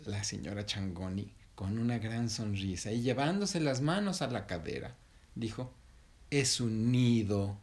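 A man gently telling an improvised bedtime story to his child, pausing to correct himself. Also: on the low side, expressive. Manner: gentle, unhurried, self-correcting.

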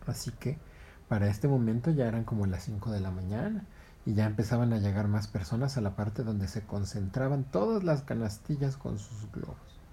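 A man's voice: fairly low pitch, moderate pace, dark tone. A man narrating a children's story in a playful, dramatic way.

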